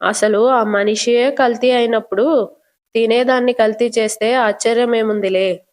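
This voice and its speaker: A woman voicing a sharp-tongued older aunt who taunts and accuses in a scornful way. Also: on the high side, steady tone, unhurried, close to an everyday voice.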